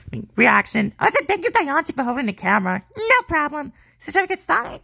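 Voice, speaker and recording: An excitable woman chats through a reaction video while voicing her plush characters. Her voice is high and bright and swings widely in pitch, with a gravelly fry underneath. The sound is dry and close. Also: brisk, no echo. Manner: excitable, squealing with delight.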